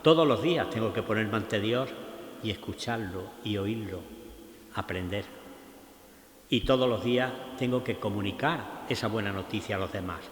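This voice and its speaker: Andalusian priest preaching in an echoey church. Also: male voice, on the low side, slight background noise. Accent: Spanish from Andalusia. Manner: slow, reflective, with rhetorical questions. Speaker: priest giving a Lenten lecture. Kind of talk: sermon. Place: large church. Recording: echoey church with long reverb.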